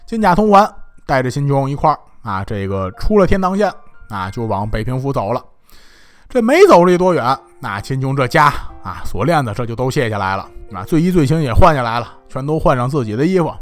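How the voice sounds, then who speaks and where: A man's voice: mid-range voice, brisk, faint music behind. A male storyteller retelling a historical tale in a chatty comic manner, often checking with the listener. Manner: animated, chatty, asks the listener along.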